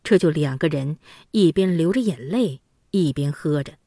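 A woman narrating a classic children's story in an expressive, dramatic way. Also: deep voice, moderate pace, no echo, clean studio sound.

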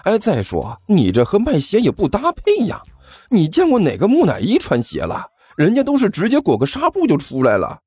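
A man voicing an excitable young male street vendor who talks high and fast and stammers. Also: breathy edge, no echo, clean studio sound, heavily acted. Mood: mocking.

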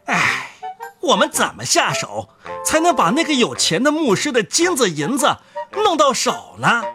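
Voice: mid-range voice, wildly swooping pitch, moderate pace, music in the background, voice pushed up. A storyteller voicing nervous, greedy thieves in a storybook reading, stammering and jumpy. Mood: scheming.

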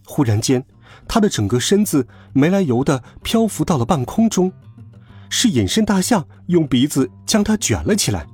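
A man narrating a children's story with a lively, expressive reading. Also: fairly high pitch, normal speed, husky, soft background music.

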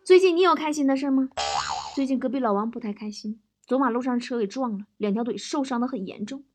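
A woman's voice: sits high, quick pace. A woman telling a string of comic stories in a chatty way, laughing between the jokes. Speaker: joke teller. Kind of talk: comic storytelling.

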